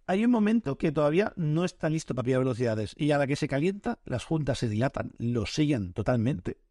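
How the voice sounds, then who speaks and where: A man co-hosting a casual podcast, his voice set a little high for a man. He talks quickly and swears freely as he rambles with enthusiasm. The sound is close and dry. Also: animated, dark tone, no room sound. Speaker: podcast co-host.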